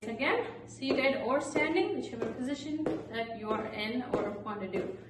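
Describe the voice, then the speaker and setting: A woman's voice: a little high, expressive, moderate pace. A woman leading exercise as an aerobics instructor, cueing and counting out moves with short, encouraging instructions. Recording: echoey, noisy room, distant microphone.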